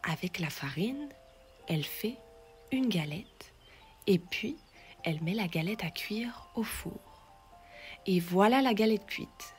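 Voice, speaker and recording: Woman, bedtime storyteller, soft half-whisper, gentle, very slow pace, faint background music. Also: medium pitch, animated. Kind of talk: children's bedtime story narration.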